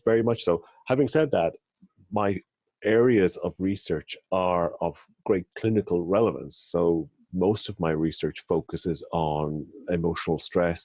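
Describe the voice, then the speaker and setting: A middle-aged man with an Irish accent, a psychology academic answering interview questions in a measured, thoughtful way, often pausing with ums and restarting phrases. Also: low voice, a little mellow, husky, dry recording, dull audio. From rural Ireland.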